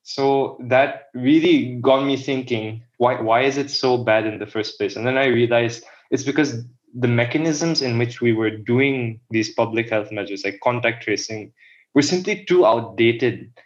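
Speaking unhurriedly in a mid-range voice, a young Filipino man talks casually as a podcast guest in an interview setting. He rambles, restarts frequently, and leans on "like" as a filler, all captured in a muffled recording.

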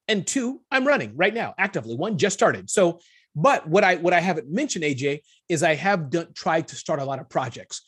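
A man chatting as a guest entrepreneur on a podcast, animated and self-deprecating, often restarting his sentences. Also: a little high, breathy edge. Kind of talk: casual podcast interview.

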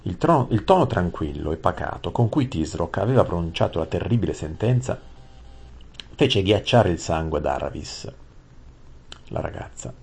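Deep, husky male storyteller. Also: big pitch swings, moderate pace, darkish tone. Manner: adds casual explanatory asides. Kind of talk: reading a children's book aloud.

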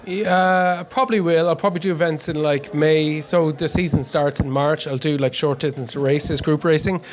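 A man's voice: a little high, steady tone, moderate pace. A man in his forties from Connemara with a west of Ireland accent, chatting casually and hesitantly as an interview guest. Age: 40s. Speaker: interview guest, amateur endurance cyclist. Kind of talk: casual chat.

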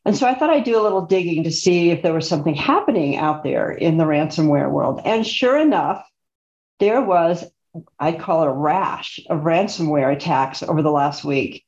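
A woman co-host chatting casually on a video call, talking loosely and slipping in little laughs as she goes. Her voice sits a bit low and comes through roomy and dull, like an echoey space on a lo-fi mic. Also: expressive, normal speed, a little mellow. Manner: chatty, laughs mid-sentence. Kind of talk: casual panel chat.

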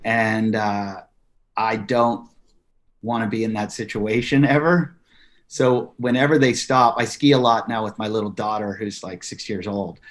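A man's voice: fairly low pitch, a little slow. A man in his forties, a comedian guest on a podcast, telling stories and acting out quotes. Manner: animated storyteller acting out quotes. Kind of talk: podcast interview.

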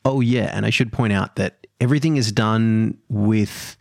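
A man's voice: fairly low pitch, steady tone, moderate pace, vocal fry. A man as game master, explaining rules in casual, filler-heavy chat.

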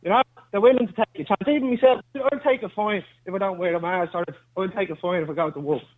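A man's voice: high voice, quick pace, no echo. A man calling in to a radio show from a building site, arguing defiantly and talking over the host, his phone line buzzing and breaking up. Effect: buzzy phone line that keeps breaking up. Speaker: caller. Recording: tinny glitchy phone line.

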